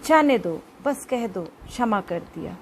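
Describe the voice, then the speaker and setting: A woman's voice: mid-range voice, animated, slow pace, a little hiss or hum. A woman voicing a mischievous schoolboy who teases a friend, reading a storybook aloud for a class. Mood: remorseful.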